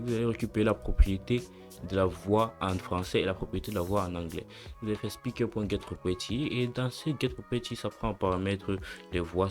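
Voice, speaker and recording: A young man hosting a casual coding tutorial, relaxed and slangy, talking through each step aloud and correcting himself as he goes. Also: lowish voice.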